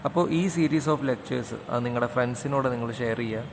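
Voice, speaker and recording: A male lecturer with a gravelly voice, working through his material step by step and spelling out words letter by letter. His voice carries a long reverb, with faint noise underneath. He speaks at a middling pitch. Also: fairly quick. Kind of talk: explanatory lecture.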